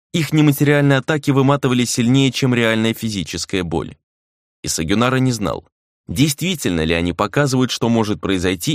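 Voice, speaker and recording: A man reading a dark fantasy novel aloud as an audiobook narrator, measured and dramatic, slowing down for emphasis. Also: lowish voice, no echo, studio quality.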